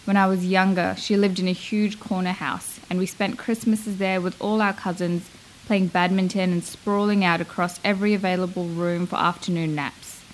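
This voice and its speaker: A young woman from Malaysia narrating a reflective spoken-word essay, slow and measured, lingering on her phrases. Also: on the low side, little pitch movement, a little hiss or hum, poor audio.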